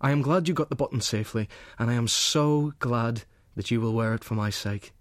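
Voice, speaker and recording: An actor giving a gentle, earnest reading as a young soldier writing love letters to his sweetheart from the front. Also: mid-range voice, dry recording, lightly acted. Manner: earnest, gentle, softly intimate.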